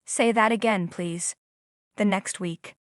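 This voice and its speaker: A language teacher delivers a calm, scripted lesson in plain English, stopping now and then to quiz the listener with slow, prompting questions. Her mid-range voice is recorded close and dry, with no room sound at all.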